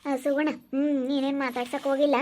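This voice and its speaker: A woman plays a chatty village food-stall keeper in an amateur skit. She talks fast and high in a flat, even run of brisk gossip. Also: natural voice. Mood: gossipy. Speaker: egg-rice stall owner.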